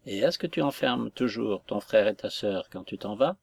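A man reading the part of a compassionate older guardian in an audiobook, speaking softly and kindly. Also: lowish voice, expressive, normal speed, gravelly, no room sound. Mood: tender. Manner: soft, kindly and questioning.

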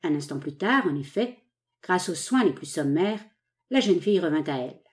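A woman narrating a novel aloud with a measured, dramatic reading. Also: on the low side, lively intonation. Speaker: audiobook narrator.

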